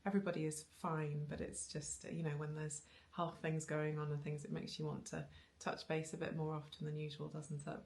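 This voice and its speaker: A knitting vlogger from Wales, in her thirties, talks a little fast in a deep, creaky, slightly mellow voice with flat delivery and hardly any pauses. Filmed by a tripod camera facing her in her bookshelf-lined living room, she rambles casually with ums, restarts and little laughs.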